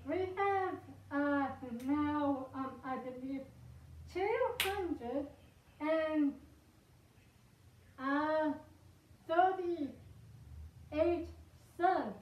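A woman talking casually to camera from inside a costume head, rambling and halting as she goes. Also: sits high, highs cut off, a little hiss or hum. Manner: rambling, halting, self-conscious. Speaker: video creator. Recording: echoey room, far from mic.

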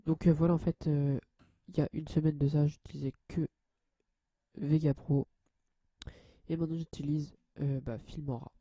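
A young man hosting a casual software tutorial, hesitant and full of fillers and restarts, addressing viewers as guys. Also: fairly high pitch, flat delivery, moderate pace, pauses often, husky, no room sound, muffled recording. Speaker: channel host.

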